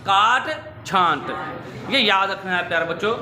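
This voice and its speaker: A high-voiced man teaches pronunciation to children, going slowly and repeating each wrong form and then the correct one. His tone is bright and forceful. The room is echoey, with a faint hum of ambience behind him. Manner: slow, drills correct and wrong forms, addresses dear children. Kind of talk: classroom pronunciation lesson.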